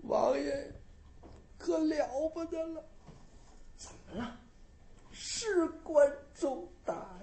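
A woman's voice: sits high, dark tone, a little hiss or hum, voice pushed up. Storyteller putting on a fretful old noblewoman. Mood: anxious. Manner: wailing, drawn-out, anxious. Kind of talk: traditional storytelling.

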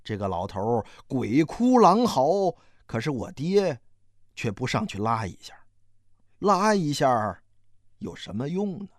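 A storyteller narrating a novel in an expressive, slow and dramatic manner. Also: mid-range voice, no room sound, studio quality.

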